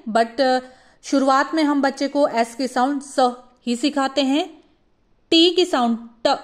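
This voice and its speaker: A woman teaching a phonics lesson for parents, demonstrating each letter sound slowly. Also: high-pitched.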